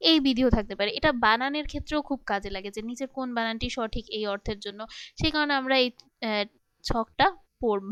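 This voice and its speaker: A woman teacher delivers a patient grammar lesson aimed straight at her students. Her voice sits high and comes across crisp and resonant. The sound is close and dry, with no room around it. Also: dry recording. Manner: patient, explains step by step and speaks straight to students.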